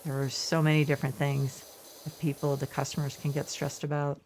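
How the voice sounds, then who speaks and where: A woman's voice: low voice, little pitch movement, brisk, a little mellow, slight background noise. A middle-aged woman streaming a game, telling a meandering, self-correcting story with asides about what she is playing. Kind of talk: casual storytelling while gaming.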